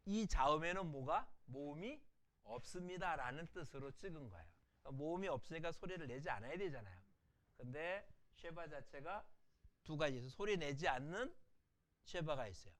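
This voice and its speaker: A middle-aged man giving a recorded language lecture, patiently explaining and answering his own rhetorical questions. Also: on the high side. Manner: repeats example words slowly and softly.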